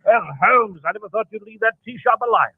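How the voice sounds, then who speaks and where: Genial loyal doctor sidekick, admiring, high-pitched, 1940s radio drama, dry tinny recording. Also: male voice, fast talker, slightly rough, dry recording.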